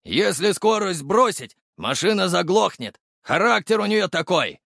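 A man's voice: a little high, wildly swooping pitch, slow, creaky, a bit bright, dry recording, studio quality, voice pushed up, exaggerated voice. A man voicing a huge, cheerful, simple-minded male driver who blurts out short exclamations, in an audiobook. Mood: insistent.

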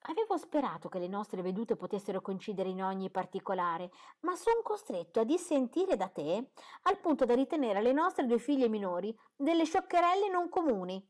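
A woman reading the part of a dry, sarcastic middle-aged father in a cool, measured, ironic tone. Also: fairly high pitch, very animated, darkish tone, voice pushed up.

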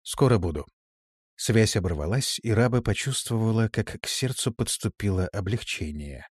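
A man narrating an audiobook fantasy story in a measured, even storytelling manner. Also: lowish voice, no room sound, studio quality. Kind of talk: scripted narration.

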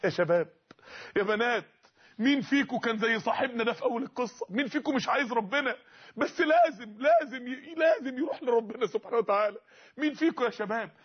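A man's voice: very high-pitched, lively intonation, quick pace, slightly rough. A man with an Egyptian accent preaching an emotional sermon, telling a story and making repeated, tearful appeals to his listeners. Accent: Egyptian Arabic. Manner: impassioned, tearful, repetitive appeals. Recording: dull lo-fi recording.

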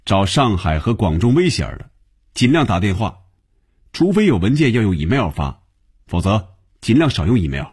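Brief: man doing a gruff office boss, husky, scolding, lively delivery. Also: fairly low pitch, moderate pace. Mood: stern. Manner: scolding, lecturing. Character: impatient male office manager, gruff.

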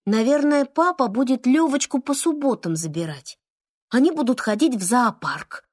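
A woman reading a children's story aloud, expressive and sometimes slow and drawn out. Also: on the high side, dry recording, clean studio sound. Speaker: reader.

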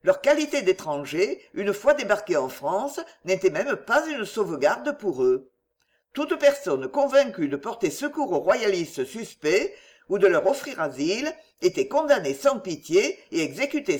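A man narrating a classic novel as an audiobook, expressive and lively. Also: high voice.

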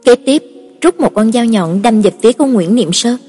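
A woman narrating a novel in a steady, even storytelling voice. Her voice is husky. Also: on the high side, normal speed. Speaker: audiobook narrator. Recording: reverberant, with soft background music.

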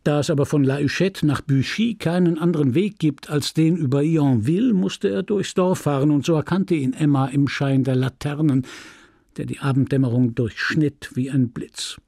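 A man reading a classic novel aloud as an audiobook, with dramatic, measured storytelling on a close studio mic. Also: fairly high pitch, vocal fry, warm tone, no echo. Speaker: audiobook reader. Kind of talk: literary audiobook narration.

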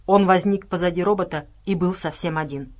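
A woman narrating a horror adventure audiobook with a steady, dramatic reading. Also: fairly low pitch, a little fast.

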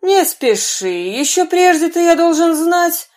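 A woman voicing a bold, quick-witted young man who talks brisk, cheeky and raised. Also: very high voice, big pitch swings, darkish tone, pitched above the performer's own voice, exaggerated voice.

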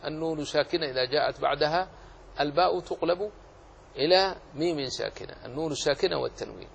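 A man's voice: a little high, creaky, slight background noise, poor audio. A man teaching a lesson on Quran recitation rules, explaining patiently and repeating key phrases. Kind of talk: Islamic lesson on tajweed rules.

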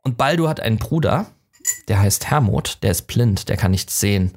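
A man with a fairly low voice hosts a film podcast. He retells a myth in a casual, animated way and often trips over and restarts his sentences. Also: moderate pace. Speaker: podcast host.

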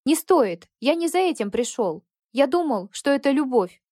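A kind young man in a storybook speaks with earnest feeling, his words pleading and heartfelt, voiced by a woman reader. His tone is soft and mellow rather than bright. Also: high-pitched, very animated, moderate pace, dry recording, studio quality, voice pushed up. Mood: upset.

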